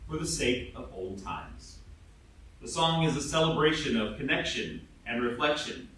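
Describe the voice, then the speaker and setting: A man's voice: medium pitch, a bit bright, a little hiss or hum. Man giving a sermon in an echoey hall. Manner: reflective storytelling with light self-deprecating laughs. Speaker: lay speaker. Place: worship hall. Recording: echoey hall, far mic.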